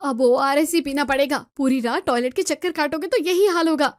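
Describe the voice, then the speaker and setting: A woman's voice: sits high, a little fast, no echo, studio quality, lightly acted. A woman voicing an exasperated young daughter-in-law who scolds her in-laws. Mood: scolding. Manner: scolding, pleading.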